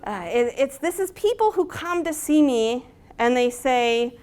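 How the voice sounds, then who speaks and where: Female clinician lecturer, slightly high register, conversational and informal, teaches through little stories and imagined dialogue. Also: animated, measured pace, a little mellow. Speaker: sleep clinician giving a talk.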